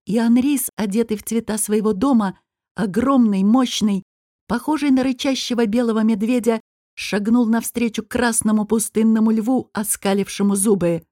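A woman narrating an audiobook with an even, expressive reading. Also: a little high, normal speed, no room sound, studio quality.

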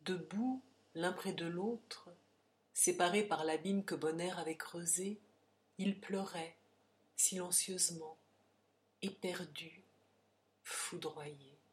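A woman narrating a romantic novel as an audiobook, emotive, with hushed passages. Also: lowish voice, takes it slowly, long pauses. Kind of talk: dramatic audiobook reading.

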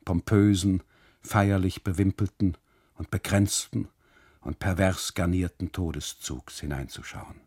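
A brooding, sardonic German husband. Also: male voice, deep voice, warm tone, no room sound, studio quality. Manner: long ornate sentences, sardonic detail. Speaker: first-person narrator. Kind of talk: radio drama monologue.

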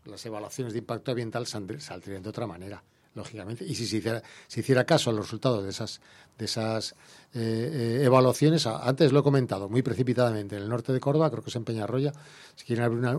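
A man's voice: mid-range voice, a little mellow. A man with an Andalusian Spanish accent, an environmental activist guest in a radio interview, talking heatedly and firing off rhetorical questions.

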